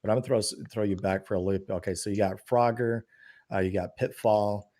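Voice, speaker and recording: A man in his forties rambles easily as a guest on a live stream, dropping in "you know" and "uh" again and again. His voice is fairly low. The recording is dry and close. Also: fairly even intonation, brisk, warm tone, dry recording. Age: 40s. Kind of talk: casual chat on a live stream.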